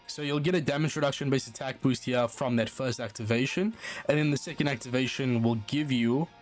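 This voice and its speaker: A man with a South African accent talks through a game team setup in a relaxed, explanatory way, dropping "uh" now and then as he thinks. His pitch sits in an ordinary middle range. Faint guitar music plays quietly beneath his voice-over. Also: fairly quick. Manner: casual explanatory, frequent "uh" fillers. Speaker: gaming channel host. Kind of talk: game strategy walkthrough. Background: faint background music.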